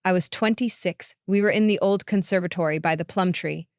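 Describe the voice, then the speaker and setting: Lady reading a stern older mum, clipped and proud, lowish voice. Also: a little fast, no room sound, studio quality, lightly acted.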